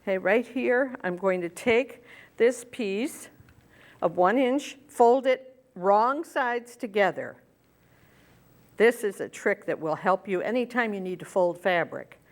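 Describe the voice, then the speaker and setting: A woman's voice: mid-range voice, slow. Older woman demonstrating quilting steps. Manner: friendly step-by-step explaining, talking while working. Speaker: quilting show host. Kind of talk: hands-on sewing demonstration.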